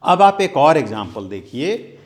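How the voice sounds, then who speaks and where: A man teaching a grammar lesson, who explains slowly and repeats each point as a question to his students. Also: on the high side, very animated. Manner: slow, repeats key words as questions to the class. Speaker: English teacher.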